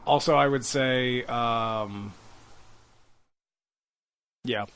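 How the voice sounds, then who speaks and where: A man's voice: medium pitch, extremely slow, fairly bright tone, clean tone, rough recording. A man co-hosting a podcast in casual chat, wry and swearing freely, with plenty of fillers. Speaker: podcast co-host.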